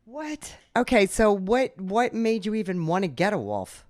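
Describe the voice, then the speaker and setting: A woman's voice: mid-range voice, big pitch swings, measured pace, a little mellow, no room sound, studio quality. A woman interviewer who asks curious, probing questions. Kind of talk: casual interview.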